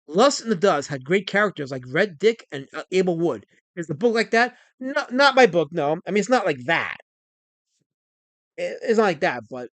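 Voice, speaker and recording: A man in his forties hosting a casual livestream, excitable and rambling as he reads chat messages aloud. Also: a little high, dry recording. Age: 40s. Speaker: livestream host.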